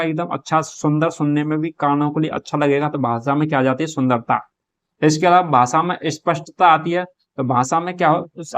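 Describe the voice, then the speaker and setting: Male teacher with a slightly high voice, methodical explainer, exam-prep class. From Rajasthan. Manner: explains step by step, asks and answers his own questions. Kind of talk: exam prep lesson, solving a model paper.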